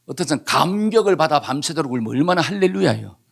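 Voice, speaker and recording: A man's voice: on the high side, lively intonation, fast talker, creaky. A man preaching a sermon as pastor, asking the congregation questions and answering them himself. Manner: leads the congregation in reading scripture aloud.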